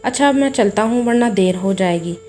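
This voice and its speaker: A woman voicing a calm, caring young husband who reassures his mother, in a storybook tale. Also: mid-range voice, a little fast, soft background music, lightly acted.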